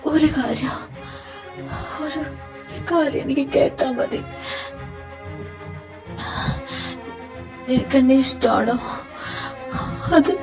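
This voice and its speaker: A woman's voice: sits high, distant mic. A woman voicing a young man who sobs and pleads over his dying lover, in a fan audio drama. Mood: pleading. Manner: sobbing, pleading, broken.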